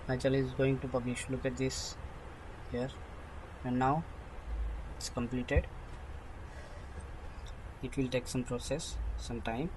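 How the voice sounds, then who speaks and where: A man giving an unscripted screen-recording tutorial voice-over, narrating each step haltingly in short phrases. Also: mid-range voice, background noise. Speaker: tutorial presenter.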